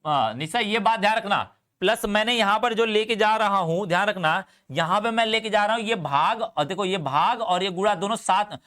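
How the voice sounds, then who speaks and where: High-pitched chemistry teacher coaxing students. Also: male voice, normal speed, few pauses, pushed and bright. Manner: affectionate, repetitive coaxing of students. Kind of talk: online coaching class lecture.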